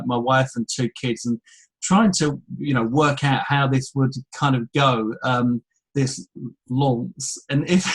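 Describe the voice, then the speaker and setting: A man from England with an English accent, hosting a live webinar and chattily reading out attendees' names with quick asides. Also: medium pitch, low-quality recording. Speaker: webinar host. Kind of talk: casual live webinar welcome. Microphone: headphones with mic.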